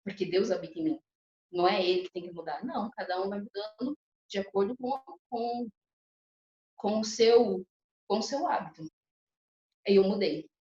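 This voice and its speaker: A young woman gives a personal testimony to a church group, telling her story in a lively, emotional way and often turning to the audience. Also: mid-range voice, moderate pace, pauses often. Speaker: testimony speaker at a church couples' course. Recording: echoey, slightly muffled hall recording.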